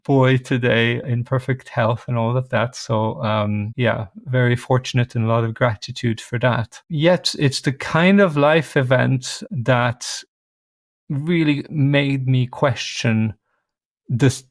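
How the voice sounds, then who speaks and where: A man in his forties talks in a measured, reflective way, now and then gently poking fun at himself. His voice is of middle pitch, and the sound is dry and close, as over a video call. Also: no room sound. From Switzerland. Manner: thoughtful, measured, with light self-deprecating humor. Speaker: guest, organizational consultant. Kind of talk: reflective interview talk.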